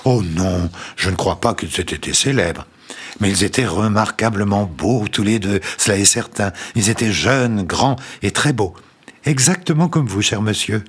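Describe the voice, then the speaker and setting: A man reading a story aloud, voicing a sweet-talking landlady who gushes and flatters in a raised voice. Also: fairly low pitch, normal speed, husky. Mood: sugary. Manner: gushing, honeyed, flattering. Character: sweet-talking older landlady, fussy and cloying.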